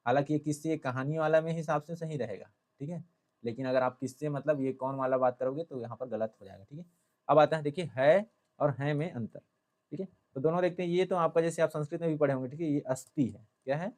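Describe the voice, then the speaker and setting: A man's voice: mid-range voice, a little mellow. A man teaching a Hindi spelling lesson, explaining step by step and checking in often with his students. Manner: explanatory, repeats "theek hai" often. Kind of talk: classroom-style lesson.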